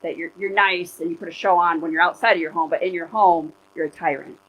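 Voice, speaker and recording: Middle-aged woman pastor, casual animated preaching style in a church setting. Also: on the low side, fast talker, muffled recording. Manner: conversational, animated preaching with personal stories. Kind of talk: sermon.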